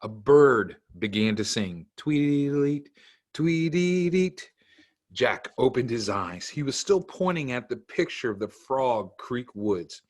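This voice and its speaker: A man's voice: medium pitch, fairly bright tone. A man narrating a children's storybook aloud, in simple storytelling meant for kids. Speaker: camp executive director reading to children.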